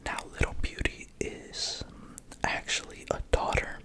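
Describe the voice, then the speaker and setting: A person whispering an ASMR narration in a hushed, secretive way, like a hobbyist presenting prized animals. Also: measured pace. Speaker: racing pigeon keeper presenting own birds.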